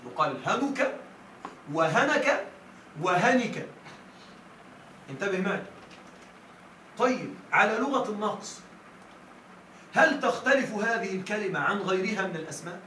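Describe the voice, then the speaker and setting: A man with a high, bright and forceful voice teaches a grammar class. He keeps asking his students if they follow him and stretches out the lines he quotes. He sounds set back from the mic in an echoey room with a faint hiss. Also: distant mic. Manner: repeatedly checks students follow, quotes verses with stretched slow emphasis. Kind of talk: classroom lesson.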